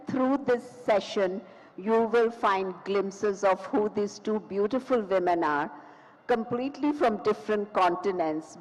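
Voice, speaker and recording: A woman's voice: medium pitch, darkish tone. A woman from India moderating a conference panel, introducing speakers with expansive enthusiasm. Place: conference hall stage. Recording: long reverb of a large hall.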